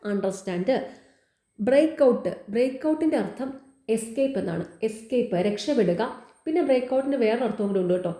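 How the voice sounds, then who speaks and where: A woman's voice: medium pitch, mellow, roomy sound. A woman explaining exam grammar answers as a teacher, repeating key words and asking quiz questions.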